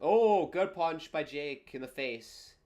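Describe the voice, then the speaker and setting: A man's voice: a little high, lively intonation, takes it slowly, darkish tone. A man hosting a livestream, giving casual, wry and exasperated reactions to a boxing match as it plays. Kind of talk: casual live commentary.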